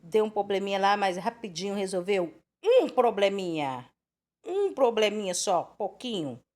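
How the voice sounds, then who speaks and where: A woman's voice: mid-range voice, animated, measured pace, darkish tone. A woman in her twenties or thirties from Brazil giving an informal Bible teaching, chatty and rambling, full of rhetorical questions. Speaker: preacher.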